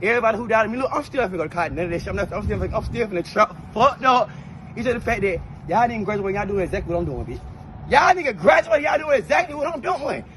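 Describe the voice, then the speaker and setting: A young man with a very high voice rants boastfully through a comedy skit, swearing constantly. Loud street noise hums behind him on an outdoor recording. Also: animated, racing. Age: 20s. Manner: loud boastful ranting, heavy profanity. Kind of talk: brash comedic skit ranting.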